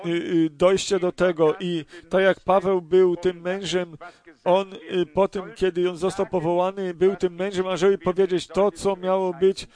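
Male preacher, high-pitched, hesitant sermon delivery with many fillers. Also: level tone, darkish tone. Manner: halting, many fillers and restarts; asks the congregation questions. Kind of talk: sermon with scripture reading.

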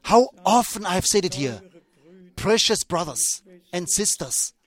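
An older man preaching a sermon in a slow, emphatic way, repeating his phrases and restarting as he goes. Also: sits high, lively intonation.

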